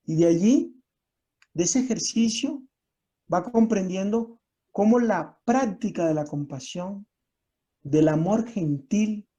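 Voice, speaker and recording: A man speaking at an online conference, telling a story in a measured, reflective way with repeated phrasing. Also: fairly high pitch, dark tone. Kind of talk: storytelling talk on compassion. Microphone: online conference call.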